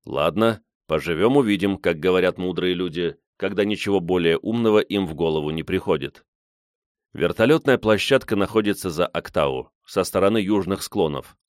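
A man narrating a story as an audiobook in a wry, lively storytelling manner. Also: sits low, normal speed, no room sound, clean studio sound.

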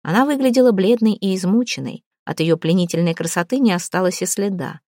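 Woman narrating a dramatic audiobook, dry close sound, mid pitch. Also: fairly quick, dark tone, dry recording. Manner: dramatic reading, voicing the quoted lines. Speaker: audiobook reader. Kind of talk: first-person audiobook narration.

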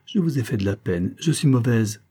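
A man reading a story voices a capricious, quick-tempered young woman who turns pleading and coaxing. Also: medium pitch, lively intonation, mellow, slightly rough.

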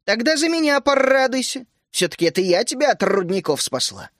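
A man voicing a small, cheerful, bossy female gnome queen in an audiobook who talks in brisk, loud, mocking exclamations. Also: very high voice, very animated, no echo, studio quality, voice pushed up, exaggerated voice.

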